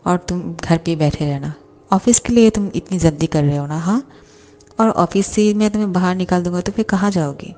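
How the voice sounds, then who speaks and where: A woman's voice: on the low side, a little mellow, lightly acted. A woman voicing a stern father who heads the company and scolds his son with commands.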